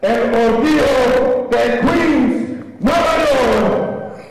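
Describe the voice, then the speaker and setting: A man's voice: very high voice, extremely slow. A man working as a ring announcer at a live boxing event, stretching his words in a showman style and switching between English and Spanish. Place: indoor boxing arena. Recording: echoey arena from far off. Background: crowd noise.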